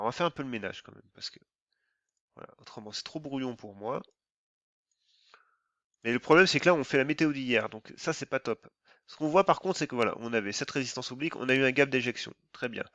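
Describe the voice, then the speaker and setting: A man talks through stock charts in a casual technical-analysis walkthrough, his voice mid-pitched and plain. He thinks aloud, breaking off and restarting his phrases. The sound is close and dry, with no room around it. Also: animated, a little fast, long pauses, fairly bright tone, no room sound. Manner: thinks aloud while reading charts, in loose, hesitant, broken phrasing.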